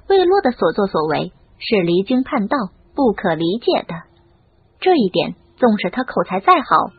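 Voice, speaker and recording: A woman narrating a novel audiobook in an expressive storytelling manner. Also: medium pitch, breathy edge. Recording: lo-fi phone-like audio. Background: faint music.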